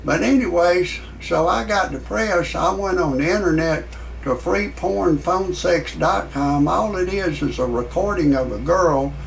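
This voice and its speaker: A man in his sixties hosting a comedic parody monologue, rambling in a deadpan way with many fillers. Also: measured pace, gravelly, slight background noise, poor audio. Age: 60s. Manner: shouts quoted lines in a much higher voice. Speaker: parody show host.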